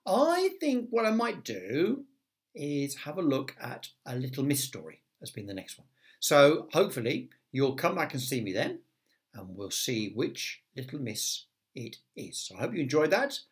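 A man's voice: mid-range voice, very animated, moderate pace. A man who teaches primary school, reading a children's story aloud with chatty asides to the young listeners.

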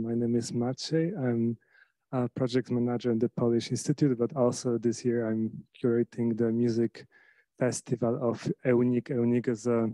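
Male festival curator, halting intro; flat, dark voice. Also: medium pitch, no echo, low-quality recording. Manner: hesitant, many fillers. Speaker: cultural project manager and festival curator. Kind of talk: short introductory speech. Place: lecture hall.

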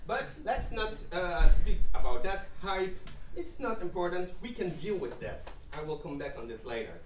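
Holding a handheld mic, a man gives a jokey, self-mocking keynote full of playful asides to a live audience in an event room. His voice sits high and is expressive, at a moderate pace, far from the mic with a little hiss or hum. The echoey room was recorded from afar, filmed from the back.

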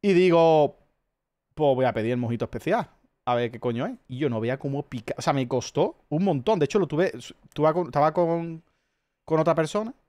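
Expressive and a little fast, this streamer's fairly high, darkish voice carries an accent from Spain. In casual chat he rambles through stories, swearing freely.

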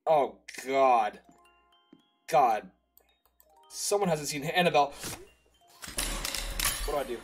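A man's voice: mid-range voice, expressive, slow pace, long pauses. A young man hosting a horror game let's play, chatting casually, swearing and getting scared. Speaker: gaming channel host. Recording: game music playing under the voice.

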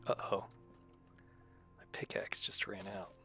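Over loud music, a woman hosts a kids' gaming video, playing alongside a child and offering casual, encouraging, exclamatory commentary. She talks a little slowly.

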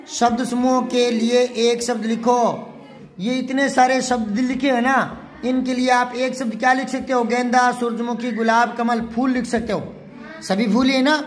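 A man teaching a children's class, patiently going through worksheet questions, asking the pupils and answering himself. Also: extremely high pitch. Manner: spells out words syllable by syllable. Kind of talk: classroom lesson explaining a worksheet.

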